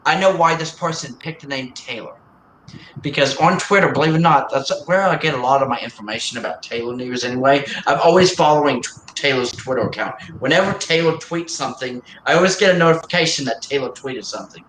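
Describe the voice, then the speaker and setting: Male streamer, chatty and rambling with stop-start phrasing; sharp, bright voice in an echoey room. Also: mid-range voice, a little hiss or hum. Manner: rambling, halting, with many restarts and repeated words. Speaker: livestream host. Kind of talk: casual chat on a livestream. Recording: roomy echo.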